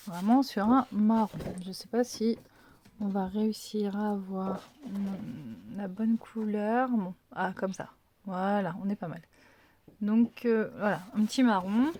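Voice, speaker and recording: A woman presents a scrapbooking box in a relaxed, slow walkthrough. She hesitates often, fills gaps with little sounds and apologetic asides, and corrects herself as she goes. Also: medium pitch, slight background noise. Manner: hesitant, thinking aloud with many fillers. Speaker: craft video host. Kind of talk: casual unboxing walkthrough.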